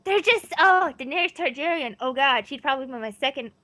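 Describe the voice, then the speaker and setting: A woman's voice: sits high, expressive, fairly quick, sharp tone. Giggly, bubbly young woman. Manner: bubbly, giggly, swears freely. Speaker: guest streamer. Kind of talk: casual interview chat.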